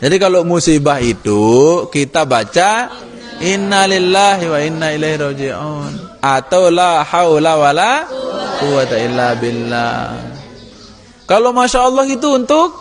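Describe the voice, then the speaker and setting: A man's voice: a little high, unhurried, over music. A man teaching an Islamic study lesson, telling stories vividly and asking his class questions. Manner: animated storytelling, acts out characters, asks the class questions. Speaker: religious teacher.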